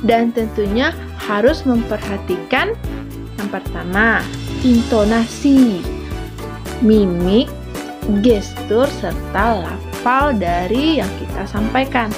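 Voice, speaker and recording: Woman schoolteacher, higher voice, patient video lesson over background music. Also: lively intonation, slow, long pauses. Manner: gentle explaining, with prompting "nah" and "ya". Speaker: primary school teacher. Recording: music playing underneath.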